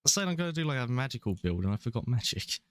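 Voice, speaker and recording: A London-accented man from England, in his twenties, races through casual live-stream commentary, rambling and chuckling while he plays a game. His mid-range voice has big pitch swings.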